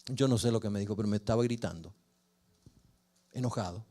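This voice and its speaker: An older man, a pastor telling a personal story in a sermon with expressive rises and falls. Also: lowish voice, fairly quick. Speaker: pastor and family counselor.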